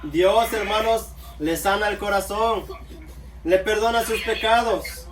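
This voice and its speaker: Preaching unhurriedly in a high voice, this man addresses his congregation as brothers and often calls out amen in reply to himself. It sounds like a far-off mic in an echoey room with faint noise behind.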